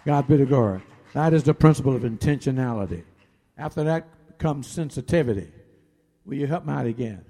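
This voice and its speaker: A man's voice: medium pitch, animated, fairly quick, warm tone. A man preaching a sermon, asking the congregation rhetorical questions. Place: large worship hall. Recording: echoey hall.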